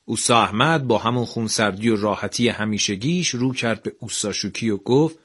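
A man narrating a scripted radio story in an even, measured way. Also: fairly low pitch, slightly rough.

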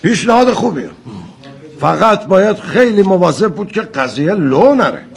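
An actor playing a cautious village man in a drama, with a creaky voice. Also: high-pitched, lively intonation. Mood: wary.

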